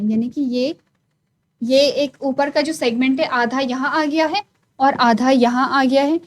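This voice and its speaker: A woman's voice: high voice, rough recording. A woman teaching biology in a virtual classroom lecture, explaining step by step and answering her own questions. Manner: explains step by step, asks questions then answers them, frequent "ठीक है" check-ins. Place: studio classroom.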